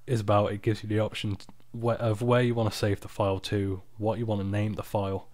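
Male, low-pitched, tired, casual screen-recording walkthrough, unpolished and informal, dry close sound. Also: level tone, brisk, a little mellow, no room sound. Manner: informal, unpolished, off-the-cuff explaining. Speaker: software tutorial presenter. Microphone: external microphone, close and dry.

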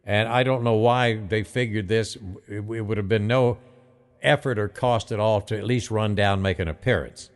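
A man hosting a radio phone-in, talking in a halting, reflective and sympathetic way. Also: fairly low pitch. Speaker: radio talk show host. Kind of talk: live phone-in conversation.

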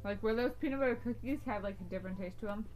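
A woman's voice: medium pitch, very fast, rough recording. A young woman eating and talking with her mouth full, chatting casually in bed during a snack taste test. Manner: relaxed, chatty, leans on "like" as filler. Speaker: co-host of a snack tasting video. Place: bedroom, sitting in bed.

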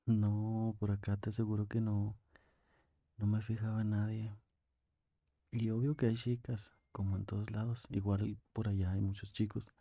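A young man with a Mexican accent playing a tender, lovesick boyfriend on a call in an ASMR role-play, speaking intimately with pauses. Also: on the low side, flat delivery, mellow, no echo, dull audio. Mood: tender, devoted. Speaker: ASMR performer.

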